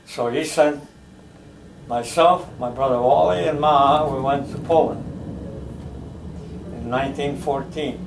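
For a family oral history, an older man born in the United States recalls his early years slowly and haltingly, stopping often to search for details as he sits in a recliner. His voice is medium-pitched and gravelly. Background noise and room sound come through, since the camera mic is across the living room.

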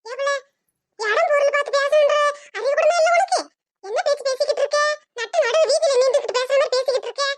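A woman's voice: very high-pitched, very fast, hardly any pauses, no room sound. A woman voicing a bossy, scolding middle-aged mother-in-law with a Tirunelveli Tamil accent. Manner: scolding, sharp-tongued.

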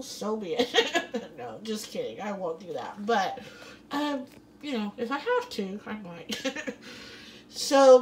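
A woman's voice: fairly high pitch, slight background noise, poor audio. A woman narrating a casual grocery haul vlog from her kitchen, rambling with lots of fillers and laughter. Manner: chatty, rambling, laughs often, many fillers. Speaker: vlogger. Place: home kitchen.

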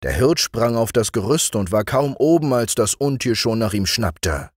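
Male audiobook narrator for bedtime tales; lively melody, dry close sound. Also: mid-range voice, dry recording. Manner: slow, expressive storytelling. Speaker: audiobook reader. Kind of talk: bedtime fairy-tale narration.

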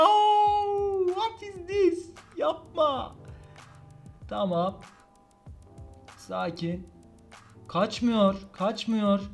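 A fairly high-voiced man narrates his mobile game as he plays it. He grumbles, swears at the game and bursts out in frustration, with faint game music under his voice. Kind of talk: gameplay commentary.

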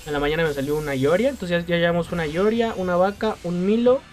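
A man's voice: sits high, fast talker, faint music behind. A man with a Mexican accent giving casual gameplay commentary, exasperated and self-mocking and laughing often. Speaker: gaming youtuber.

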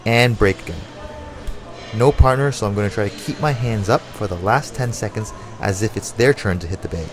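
Male fitness coach, lowish pitch, instructional and motivational, calling punches and intervals, light music underneath. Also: fairly quick. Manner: motivational, short commands. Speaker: boxing workout coach. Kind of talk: instructional workout coaching with called-out combinations and timing cues.

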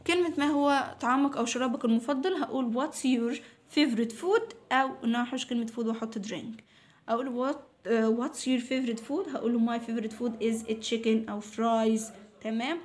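A woman with an Egyptian Arabic accent teaching English to young children, patiently repeating each new word slowly several times. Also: fairly high pitch, steady tone. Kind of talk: recorded lesson for young children.

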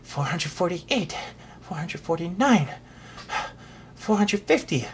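A reader voicing a tired old knight who counts quietly and wearily. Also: mid-range voice, very animated, slow, a little hiss or hum. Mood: weary. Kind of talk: storybook read-aloud.

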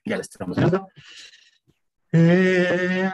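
A man's voice: high-pitched, monotone, slow pace, creaky, smooth. A man giving a lecture online, reading out dates and lists with many fillers.

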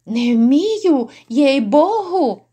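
A woman's voice: high voice, very animated, takes it slowly, dark tone, heavily acted. A woman voicing a frightened, cringing old male innkeeper who pleads and wails. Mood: pleading. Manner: pleading, wailing.

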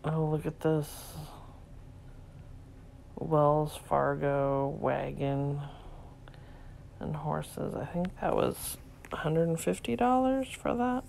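Woman thrift vlogger, low gravelly voice, unhurried, soft marveling asides, phone mic in a cluttered shop with faint hum. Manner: softly marveling, drops to whispers. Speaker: vlogger and reseller. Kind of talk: casual shop-along narration. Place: cluttered indoor antique store.

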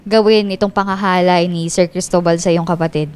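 A woman's voice: lowish voice, fairly even intonation, fairly quick, a little mellow, clean tone. A woman interviewing complainants on a TV complaint program, asking direct but polite questions.

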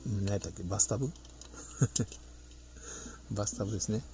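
A man's voice: on the low side, normal speed. A man with a Kansai accent chatting casually to himself while building a plastic model kit. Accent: Kansai Japanese. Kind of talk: casual hands-on narration.

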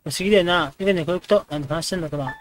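A man's voice: fairly high pitch, slight background noise. A man casually commenting and joking while playing a dating game. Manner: quick, joking reactions to the game. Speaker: let's play host.

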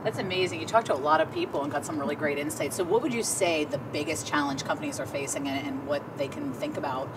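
A woman's voice: low voice, quick pace, few pauses, background noise. Upbeat woman hosting from a distance. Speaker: co-host. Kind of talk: corporate interview hosting. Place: outdoor urban courtyard. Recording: distant from the mic, outdoors.

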